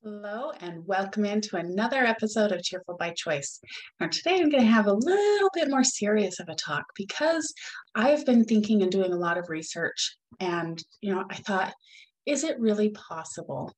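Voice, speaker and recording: A woman's voice: mid-range voice, animated, normal speed, poor audio. A middle-aged woman hosting her own podcast, talking in an earnest, upbeat, encouraging way. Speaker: podcast host. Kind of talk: solo podcast talk.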